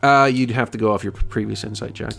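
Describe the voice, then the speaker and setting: A man's voice: lowish voice, steady tone, quick pace, vocal fry, fairly bright tone, soft background music. A man narrating as game master, giving plain, matter-of-fact rulings.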